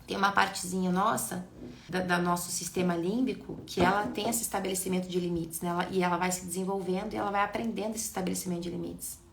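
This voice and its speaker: A woman, an educator in neuroscience, giving a lively live talk and speaking straight to her viewers. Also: on the low side, fast, gravelly, roomy sound, a little hiss or hum. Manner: animated, addresses viewers directly.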